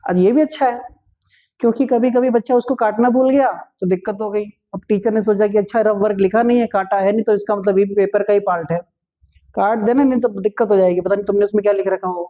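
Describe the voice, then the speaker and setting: A man who teaches physics, giving exam tips in a relaxed classroom talk, repeating each point and joking with students. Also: high voice, fast, dull audio. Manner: chatty, repeats each point, calls students "bhai", light jokes.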